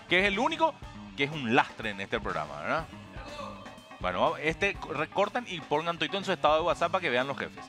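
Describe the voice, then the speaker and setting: A man's voice: on the high side, pushed and bright. A man with a Paraguayan accent hosting a satirical comedy show, reading out viewer comments with sarcastic, mock-serious asides. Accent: Paraguayan Spanish.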